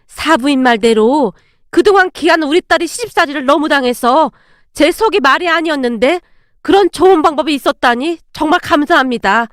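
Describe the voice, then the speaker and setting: A woman voicing a sharp-tongued older in-law who answers with sly sarcasm. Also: high-pitched, brisk, no echo, studio quality, lightly acted. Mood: sarcastic.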